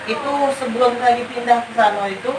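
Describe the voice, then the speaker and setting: Brisk and somewhat high-pitched, a woman casually tells of ghosts she has seen, repeating phrases for emphasis. She's appearing as a guest. Background noise comes through a distant mic, and the recording sounds roomy.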